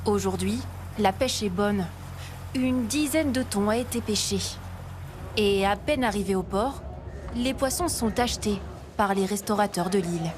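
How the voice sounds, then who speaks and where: A woman narrating a scripted nature documentary travel report in a measured voice-over with dramatic phrasing. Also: medium pitch, noisy background. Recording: voice-over mixed with prominent music. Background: music under the voice.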